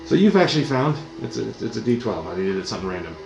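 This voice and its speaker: A man at mid pitch runs a tabletop game as dungeon master. He reads room descriptions and lays out the rules in a relaxed, plain way. The recording is roomy, with music playing behind him. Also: fast talker, gravelly. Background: background music.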